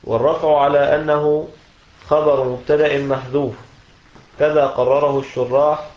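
A man reading a commentary aloud in a lesson, steady and measured, pausing at each phrase. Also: a little high. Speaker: student reader. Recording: dull echoey lo-fi recording.

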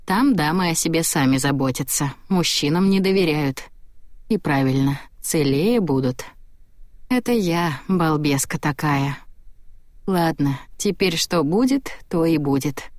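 A woman narrating a first-person audiobook with lively, ironic storytelling. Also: sits low, a little slow, dry recording, studio quality.

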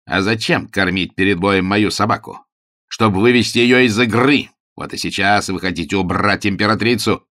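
A man voicing a brash, forceful aristocrat who talks loudly and theatrically in an audiobook. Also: fairly low pitch, normal speed, dry recording, clean studio sound, lightly acted. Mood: accusing. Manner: loud commanding theatrical.

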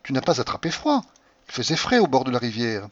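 A man voicing a dreamy young wife just waking, speaking softly and affectionately in a raised, husky voice. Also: medium pitch, big pitch swings, a little fast, no echo, dull audio.

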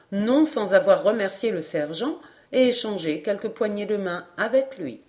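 Woman, audiobook narrator, measured, even, classic novel. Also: mid-range voice. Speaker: audiobook reader.

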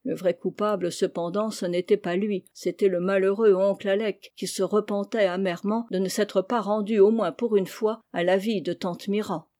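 A woman reading a children's novel aloud, narrating gently and giving the characters their lines. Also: mid-range voice, steady tone, moderate pace, hardly any pauses. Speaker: audiobook reader. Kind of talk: storybook narration.

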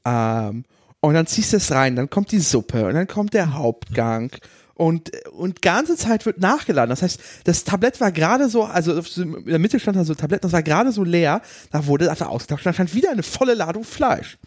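A man with a high voice and very lively intonation chats as a podcast co-host. He tells anecdotes in slangy, colloquial language. The recording is dry and close. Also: moderate pace, no room sound. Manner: colloquial, drops English slang. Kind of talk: casual chat, anecdotal.

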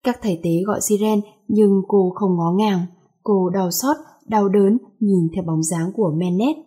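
Husky-voiced woman reading a story. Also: mid-range voice, measured pace, mellow. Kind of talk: reading a romance story aloud.

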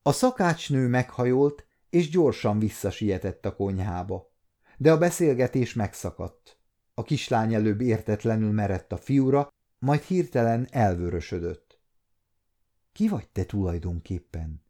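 A man in his fifties narrates an audiobook in a calm, even manner. His voice is mellow and sits at an average pitch. The reading is steady and unhurried. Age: 50s. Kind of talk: scripted narration. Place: recording studio.

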